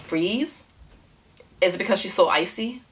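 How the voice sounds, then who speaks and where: A young woman in her twenties, speaking with a slight Nigerian accent, reacts to a music video for YouTube from her small bedroom. Her mid-range voice moves a little slowly over a bit of hiss or hum, full of giggles, exclamations and frequent laughter.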